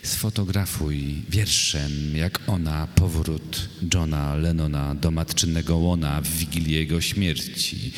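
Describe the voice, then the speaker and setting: A man giving a poetry reading in slow, measured recitation, with dry asides to the audience. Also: extremely low pitch. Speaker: poet reading his poems. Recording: echoey hall with long reverb.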